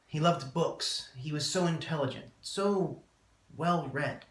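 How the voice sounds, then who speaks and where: A man delivering a prepared eulogy as a speech, solemn and measured, with deliberate pauses. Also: fairly high pitch. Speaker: student speaker giving a eulogy. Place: indoor room, public speaking class. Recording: roomy, echoing room sound.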